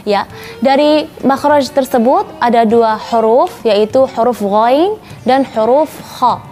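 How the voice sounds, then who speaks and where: A woman's voice: a little high, slow pace, darkish tone, soft background music. Patient woman teaching letter sounds. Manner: patient, repeats syllables for the viewer to copy. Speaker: Quran recitation teacher. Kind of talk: spoken tutorial lesson.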